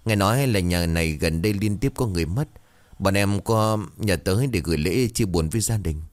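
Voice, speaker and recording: A man's voice: low voice, fairly quick, no echo, close to an everyday voice. A man voicing a polite young man who speaks courteously to villagers.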